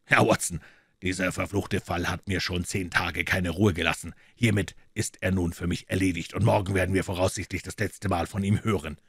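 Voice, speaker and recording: Man voicing a calm, lecturing master detective. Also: low-pitched, moderate pace, husky, no echo, clean studio sound, full character voice. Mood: dictating. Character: calm, superior male detective.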